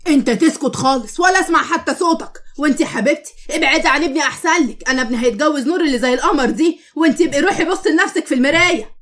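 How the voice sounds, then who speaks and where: A woman voicing a harsh, scornful middle-aged mother with an Egyptian accent, loud and cutting. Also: sits high, rapid-fire. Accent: Egyptian Arabic.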